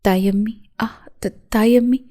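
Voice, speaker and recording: A terrified young woman begs and sobs, stumbling over her words, as a woman narrator voices her. The tone is warm and mellow, a storybook reading rather than full acting. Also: mid-range voice, fairly even intonation, lightly acted. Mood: tearful pleading. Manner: tearful, pleading, stammering. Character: frightened young woman student, pleading and sobbing.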